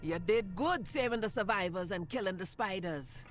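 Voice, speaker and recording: A woman's voice: medium pitch, normal speed, soft background music, close to an everyday voice. A woman voicing an outspoken, plain-spoken troll adventurer in a fantasy game. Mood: conceding.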